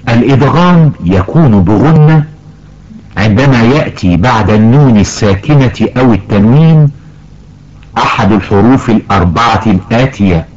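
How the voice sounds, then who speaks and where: Guy doing a patient old grandpa teaching recitation, slow careful drawn-out examples, muffled lo-fi audio. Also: medium pitch, expressive, darkish tone, natural voice. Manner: slow, careful explaining, stretches out example words. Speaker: tajweed teacher. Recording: dull lo-fi recording.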